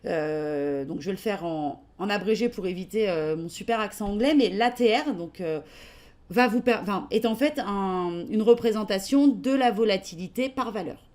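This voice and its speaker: A woman with a French accent presenting a live trading-software webinar, casual and hesitant, with frequent fillers as she reads out and answers questions. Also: medium pitch, lively intonation, normal speed.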